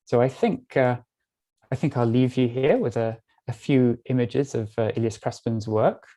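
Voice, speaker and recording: British man guiding an art tour, mellow. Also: medium pitch. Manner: relaxed, frequent filler pauses. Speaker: tour guide. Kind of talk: live webinar art tour talk.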